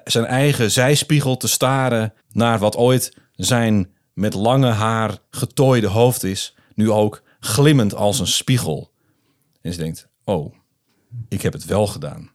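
A man's voice: mid-range voice, takes it slowly. A man co-hosting a podcast, narrating an improvised story and slipping into a character's inner thoughts. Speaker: podcast co-host.

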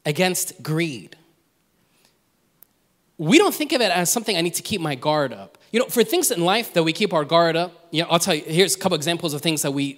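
A man preaching a sermon as pastor, telling the story in an animated way, acting out quotes and often restarting his sentences. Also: on the high side, long reverb tail.

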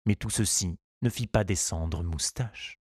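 Man, storybook narrator, low voice, calm, measured, dry close recording. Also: dry recording. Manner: calm, measured, gently expressive reading. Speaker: audiobook narrator.

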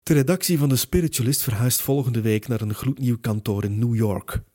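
A male narrator voicing a weary, sober middle-aged newspaper editor with a flat, matter-of-fact delivery. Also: mid-range voice, brisk, natural voice.

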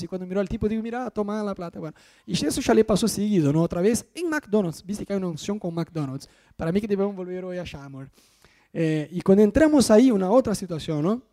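A middle-aged man preaches in a Rioplatense Spanish accent, moving between personal anecdotes and Bible verses. His voice sits high for a man yet sounds dark and mellow rather than sharp. He talks in an animated, joking way and keeps checking that his listeners follow him. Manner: animated, jokey, asks the congregation if they follow. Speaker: pastor.

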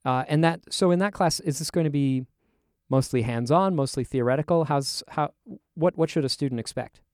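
A man's voice: on the high side, moderate pace, darkish tone, dry recording, studio quality. A man hosting a conversational academic interview, putting his questions in a slightly hesitant way. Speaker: interviewer, fellow linguist.

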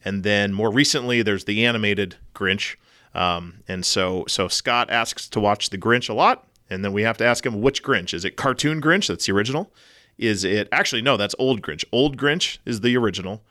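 A hoarse man with a cold, hosting a podcast in a rambling, self-joking monologue. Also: animated, normal speed, pushed and bright. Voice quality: low husky baritone. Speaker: podcast host.

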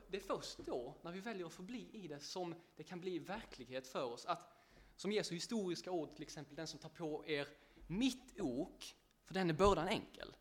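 A man preaching a casual sermon, chatting directly with listeners, often laughing and poking fun at himself. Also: on the high side.

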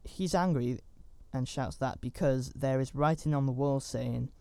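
A man's voice: mid-range voice, unhurried, vocal fry, dark tone, clear, resonant tone, no room sound. A man giving a casual, rambling recap of a horror movie, with chatty asides and fillers. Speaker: film reviewer.

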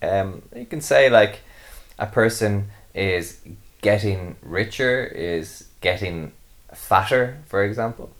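Patient, low-voiced male podcast co-host. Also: slow pace. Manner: patient, explanatory, frequent ums. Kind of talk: casual chat explaining English usage.

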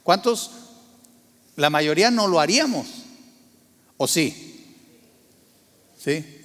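A man's voice: on the high side, animated, takes it slowly, a bit bright, in a large hall. A man preaching a sermon, asking the congregation questions and acting out quotes. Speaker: pastor.

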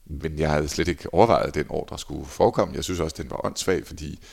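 A man in his forties, a former handball goalkeeper, telling lively anecdotes in a casual interview and acting out quoted lines. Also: extremely low pitch, gravelly. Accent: Danish. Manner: animated anecdotes, acts out shouted quotes.

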